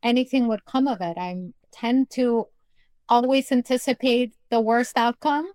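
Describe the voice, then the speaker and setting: A woman from Peru, a philosophy professor, speaking as a guest on a radio talk show with thoughtful, measured explanations. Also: a little high, darkish tone, no room sound. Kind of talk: radio interview conversation.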